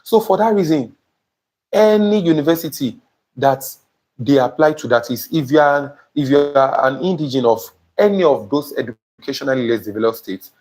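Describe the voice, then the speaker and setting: A young Nigerian-accented man with a medium-pitched, animated, slightly mellow voice teaches at a moderate pace as an admissions tutor on a live stream. He emphatically checks in with viewers, often asking whether he makes sense. He wears a small lapel mic in an indoor studio before a printed banner.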